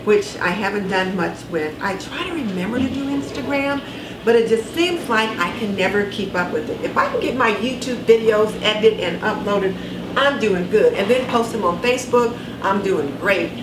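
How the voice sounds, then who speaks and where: A woman's voice: medium pitch, expressive, moderate pace. A woman in her sixties chatting casually to camera in her kitchen, her speech slightly impeded by wearing dental retainers. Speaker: vlogger. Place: home kitchen, indoors. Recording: roomy, distant camera mic with clear background noise.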